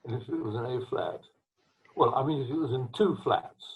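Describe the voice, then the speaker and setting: An older man from England, a retired trombonist, telling long rambling stories from his career with restarts and throat-clearing, speaking from home over a video call. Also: medium pitch, fairly quick. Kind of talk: storytelling interview. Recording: tinny video call line.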